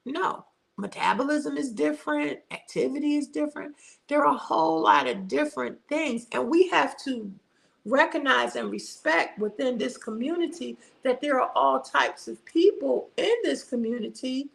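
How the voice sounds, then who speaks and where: A middle-aged woman hosts a casual livestream chat from home, her high, gravelly voice coming through on poor audio. She chats freely, repeating words for emphasis and reading viewer comments aloud.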